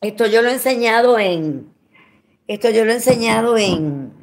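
A Puerto Rican woman chatting casually with her followers at home, expressive and quick to swear. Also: fairly high pitch. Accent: Puerto Rican Spanish. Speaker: vlogger. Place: at home, indoors.

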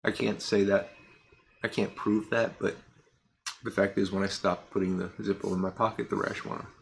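A man in his fifties with a low, gravelly voice talks casually into a desk camera in his home workshop. He rambles candidly and restarts his sentences often. A faint room ambience sits behind him. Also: little pitch movement, moderate pace, slight background noise. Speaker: pipe tobacco reviewer.

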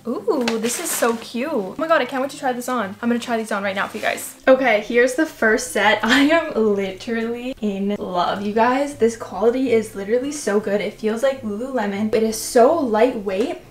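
Bubbly young woman vlogger, bright voice. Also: a little high, normal speed, hardly any pauses. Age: young adult. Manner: bubbly, gushing, says "like" and "literally" often. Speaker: lifestyle vlogger. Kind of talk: casual vlog chat.

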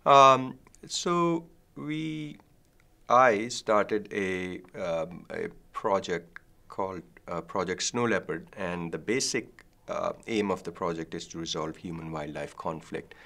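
Deep, gravelly-voiced man from Pakistan. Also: pushed and bright. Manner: thoughtful, many ums and pauses. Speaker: guest, professor. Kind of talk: academic interview. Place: dark studio set, seated.

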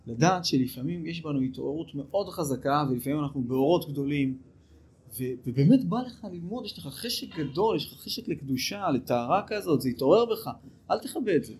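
A male rabbi giving an informal, animated lesson to yeshiva students, urging them on and acting out their inner voices. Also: fairly high pitch, breathy edge.

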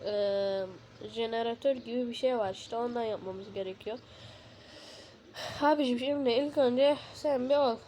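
A woman with a high, bright-sitting voice narrates her survival game in a loose, slangy way. She talks while lying down and jumps quickly from chatty explanation to excited yelling. Faint background noise sits under her voice. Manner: excitable, slangy, shouts in bursts. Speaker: gaming video host. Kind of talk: casual gameplay commentary.

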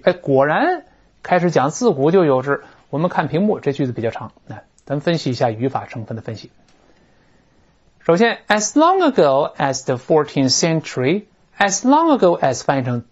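A man teaching English through a textbook text, explaining in a chatty, colloquial way. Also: a little high. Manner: lively, colloquial, northern-style chatty explanations. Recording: dull lo-fi recording.

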